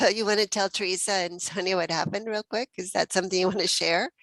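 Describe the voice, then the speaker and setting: A woman hosting a casual study group on a video call, encouraging a guest to share a story with quick prompts. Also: mid-range voice, steady tone, fairly bright tone, no echo, low-quality recording. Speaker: host.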